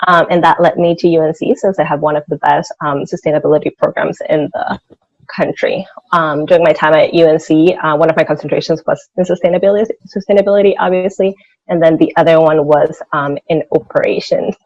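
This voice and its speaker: This is a thirtysomething woman from Venezuela who works as a senior financial analyst, chatting informally as an interview guest and saying "like" a lot. She talks fairly quickly in a low, steady, darkish voice. The sound is dry and muffled.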